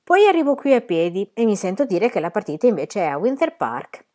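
A woman's voice: mid-range voice, sing-song, brisk, warm tone, close to an everyday voice. A woman voicing a charming, easygoing young man who teases playfully, read from a novel. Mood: teasing.

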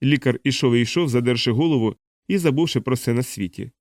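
A man reading a novel aloud as an audiobook narrator, at a measured pace. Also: medium pitch, darkish tone, dry recording, studio quality. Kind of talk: scripted narration.

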